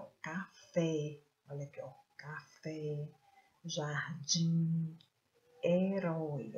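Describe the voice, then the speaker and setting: A patient woman teacher with a Brazilian Portuguese accent, talking young pupils through a video lesson. Her voice sits low and mellow, and she leans hard on each stressed syllable. The recording is dull and lo-fi. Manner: patient, slow and emphatic, stresses syllables aloud. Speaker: primary school teacher.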